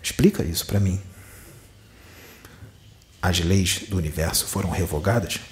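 Speaking low and at a measured pace over slight background noise, a Brazilian medium with a Rio de Janeiro accent gives a channeled spiritual teaching. He preaches emphatically and leans heavily on rhetorical questions.

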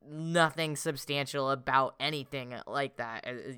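A man's voice: mid-range voice, a little slow, pushed and bright, smooth, no echo, clean studio sound. A young man co-hosting a podcast, rambling casually with frequent swearing and filler words. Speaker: podcast co-host. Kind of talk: casual chat.

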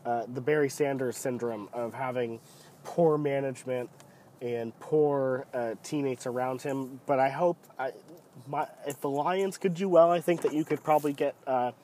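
Male sports podcaster with a head cold deepening his voice; unscripted, halting, opinionated delivery over light background noise. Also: fairly even intonation, a little mellow. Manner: hesitant, rambling, opinionated. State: sick with a cold. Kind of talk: casual solo NFL commentary.

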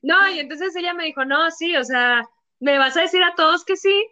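A woman's voice: extremely high pitch, normal speed, no echo. A young woman with a Mexican Spanish accent, chatting casually and laughing as she tells a story. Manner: laughs while talking, lively storytelling. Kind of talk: casual chat. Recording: dull lo-fi sound.

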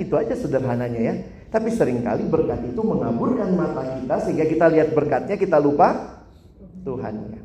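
A man preaching a sermon, storytelling in an animated way and asking the audience questions, in an echoey church hall. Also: medium pitch, slight background noise.

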